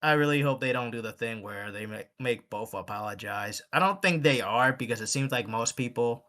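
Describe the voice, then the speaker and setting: A man with a mid-range voice, speaking a little fast, co-hosts a casual podcast. He's animated in the conversation and acts out the voices of the people he quotes.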